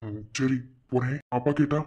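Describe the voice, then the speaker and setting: An actor with a playing a blunt, teasing young man who is gentle with his friend and keeps a secret from her, in a television drama. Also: mid-range voice, fairly even intonation, moderate pace, lightly acted. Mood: gruff.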